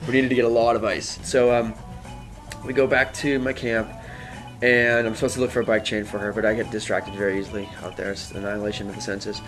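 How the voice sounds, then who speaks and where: A man telling a long personal story as a guest, halting and rambling with many fillers and restarts. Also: on the low side, little pitch movement, a bit bright, faint music behind, rough recording. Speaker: interview guest. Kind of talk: casual storytelling.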